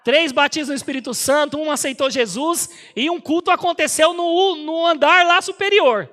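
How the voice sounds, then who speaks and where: High, bright-voiced pastor preaching. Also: male voice, moderate pace. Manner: lively, animated storyteller who often speaks to the congregation. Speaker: auxiliary pastor. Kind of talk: storytelling sermon testimony.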